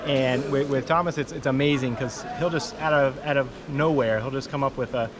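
A middle-aged man answering interview questions casually outdoors, quick and stumbling over the first words of a thought. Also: medium pitch, steady tone, crowd noise. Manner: quick, repeats words when starting a thought. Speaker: traveling parent interviewee. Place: outdoors at a busy temple site. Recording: outdoor background noise.

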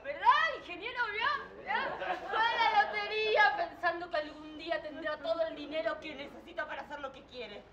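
An actress playing a young woman from the future on stage, flighty and distracted, dropping to murmurs and bursting into shouts. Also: extremely high pitch, normal speed, hardly any pauses, highs cut off, some chatter behind. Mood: manic. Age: young adult. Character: young woman from the future, scattered, telepathic, urgent. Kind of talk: stage monologue. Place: theatre stage. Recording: echoey theatre from far off, audience noise.

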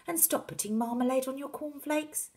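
A woman's voice: sits high, moderate pace, pitched above the performer's own voice, natural voice. A woman voicing a sensible storybook mother who chides her family firmly. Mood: chiding. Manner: firm, gently scolding. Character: sensible, chiding wife and mother.

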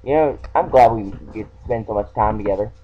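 A man's voice: fairly low pitch, a little fast, slight background noise. A man casually playing a game and reading its text aloud in a playful, teasing way. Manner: playful, teasing read-aloud with mock-sinister touches. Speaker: let's play gamer. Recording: dull lo-fi home recording.

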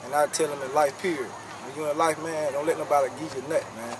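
A man's voice: fairly high pitch, steady tone, quick pace. A young man, a youth football coach giving a postgame interview outdoors at night, repeating words and adding "man" often. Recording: distant mic with crowd behind.

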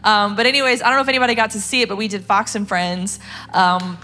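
Young woman singer, church testimony, mid-pitched voice, casual and chatty. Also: fast talker, noisy background. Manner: chatty and conversational with many fillers.

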